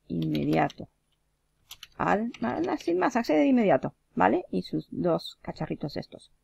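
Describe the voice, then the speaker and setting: Gravelly-voiced woman walking through a screen tutorial. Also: mid-range voice, a little mellow, lo-fi sound. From Mexico. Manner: talks through clicks step by step, casual filler. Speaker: web marketing tutor. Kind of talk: screen-share coding tutorial.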